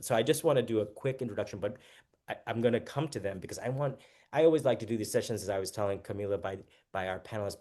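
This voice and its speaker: Enthusiastic low-voiced male panel moderator. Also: a little mellow. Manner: enthusiastic, with frequent restarts and small laughs. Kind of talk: panel discussion introduction.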